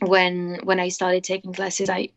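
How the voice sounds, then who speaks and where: A woman's voice: fairly low pitch, monotone, unhurried, vocal fry. A young-sounding woman from France, a singer speaking English in a chatty, casual interview full of fillers. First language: French. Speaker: singer guest.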